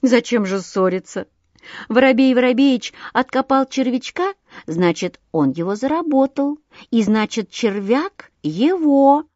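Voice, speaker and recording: A woman narrating a children's storybook slowly and expressively. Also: a little high, no room sound, muffled recording. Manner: slow, expressive.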